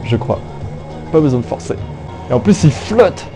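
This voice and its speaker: A man's voice: a little high, expressive, normal speed, warm tone, soft background music. A young man giving casual, jokey gameplay commentary through an old phone headset, rambling with many fillers and restarts. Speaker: gaming YouTuber.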